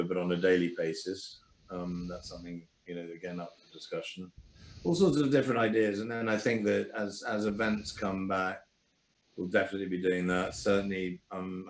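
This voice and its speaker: Podcast guest: man, very low monotone voice, rambling with fillers, roomy echo. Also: slight background noise. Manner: rambling, many fillers and restarts. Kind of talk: casual interview talk.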